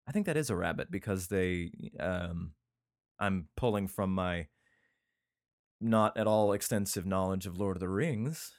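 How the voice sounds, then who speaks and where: A man with a lowish voice reads old scripture aloud and keeps breaking into crude, rambling jokes. The sound is dry and close, with no room echo. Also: unhurried. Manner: irreverent, profane, rambling asides. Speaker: host reading scripture aloud with comments. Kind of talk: casual comedic reading and chat. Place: indoor room with a cat.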